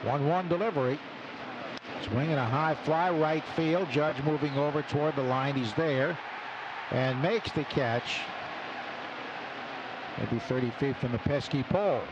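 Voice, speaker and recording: Speaking in a fairly high, unhurried voice with frequent pauses, this radio announcer delivers live baseball play-by-play, though the recording sounds muffled. He's in an open booth at an outdoor ballpark, with loud stadium sound all around the noisy broadcast.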